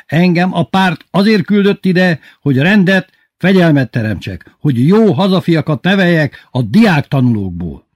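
A man's voice: on the high side, sing-song, a little mellow, dry recording, studio quality, pitched above the performer's own voice. A man voicing a furious, pompous male school principal and party official who bellows and stumbles over his words. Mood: shouting, ranting.

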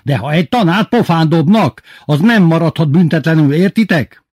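A man's voice: medium pitch, sing-song, no echo, clean studio sound, voice pushed up. A man voicing a nervous, strict male class teacher who barks commands and questions. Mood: strict, angry. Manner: barked commands, swings between soft and shouting.

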